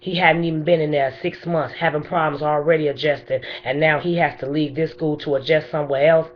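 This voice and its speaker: A bereaved middle-aged mother from Chicago makes an unscripted appeal to the mayor in a plain, insistent, emphatic way. Her voice is deep and steady, a little fast, and the recording sounds muffled.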